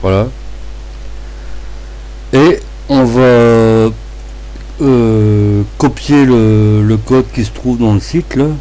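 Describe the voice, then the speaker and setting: A man with a lisp that makes his s sounds slushy, narrating a step-by-step screencast tutorial in short, halting phrases. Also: medium pitch, steady tone, mellow, rough recording. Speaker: tutorial presenter.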